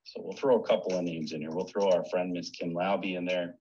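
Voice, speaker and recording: A man's voice: low voice, steady tone, brisk, darkish tone, a little hiss or hum. A man presenting a webinar, walking viewers through a screen-share tutorial in a friendly, step-by-step way over a computer mic. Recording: dull lo-fi webinar audio.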